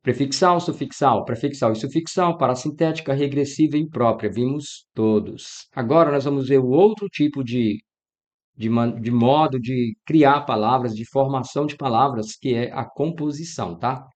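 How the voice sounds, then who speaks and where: A man's voice: mid-range voice, normal speed. A Brazilian man teaching an exam-prep grammar lesson, talking straight to his students and acting out their questions. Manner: lively, talks to students directly, acts out student questions. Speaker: Portuguese teacher.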